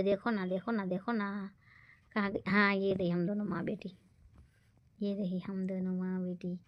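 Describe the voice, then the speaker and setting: A middle-aged woman with a Gujarati accent narrates a casual vlog, filming on her phone outdoors at the beach. She is chatty and repetitive, mixing Gujarati with Hindi. Her voice often sinks to a hushed, breathy whisper. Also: medium pitch, highs cut off. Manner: chatty, repeats "look" over and over, mixes Gujarati and Hindi. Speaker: vlogger. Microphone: phone camera.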